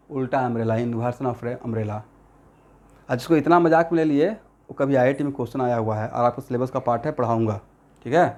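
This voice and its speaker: A male chemistry teacher lecturing a classroom in Hindi mixed with English terms, constantly checking that students follow. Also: mid-range voice. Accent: Assamese-influenced Hindi.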